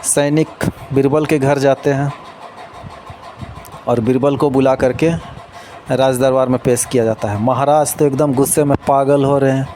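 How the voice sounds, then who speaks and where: A man's voice: medium pitch, normal speed, a little hiss or hum. A man telling a folk tale in Hindi, switching between the voices of a king and his courtier. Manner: lively storytelling, voicing king and courtier in turn. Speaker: storyteller.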